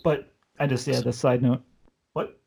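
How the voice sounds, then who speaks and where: A man's voice: medium pitch, steady tone, normal speed, gravelly, darkish tone. A man hosting a podcast in casual chat, joking and rambling with side notes. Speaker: podcast host.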